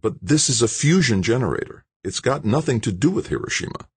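A man's voice: mid-range voice, expressive, a little fast, husky, no room sound, voice pushed up. A man reading aloud voices an exasperated middle-aged male engineer who needles his old friend. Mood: skeptical.

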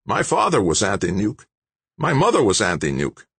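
A man's voice: on the low side, wildly swooping pitch, moderate pace, vocal fry, a bit bright, slightly rough, no room sound, voice pushed up, heavily acted. A man reading aloud voices a stubborn, serene middle-aged male anti-nuclear protester. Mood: insistent.

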